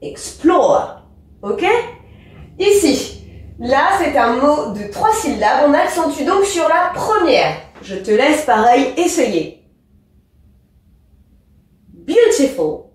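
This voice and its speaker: A high-voiced woman with big pitch swings teaches English slowly, explaining rules to a pupil, stressing example words and speaking directly to the listener. The recording is a bit off-mic, in an echoey room with a distant microphone.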